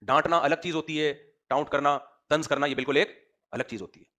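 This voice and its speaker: A man's voice: fairly high pitch, steady tone, a little fast, sharp tone. A man giving a sermon as an Islamic preacher, speaking with a rhetorical manner and often addressing his listeners directly.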